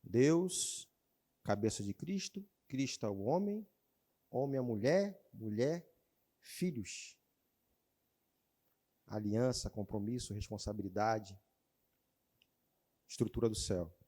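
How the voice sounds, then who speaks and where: Animated man preaching a sermon. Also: lowish voice, takes it slowly, pauses often. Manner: animated preaching, calls out to the congregation, shifts between shouting and quiet. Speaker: pastor. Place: church.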